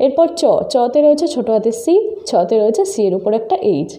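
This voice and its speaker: Woman, teacher, patient step-by-step lesson, slightly high pitch, very warm dark tone. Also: big pitch swings, a little fast. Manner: patient, step-by-step, addresses students directly. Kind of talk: screen-recorded lesson explaining phonetic symbols.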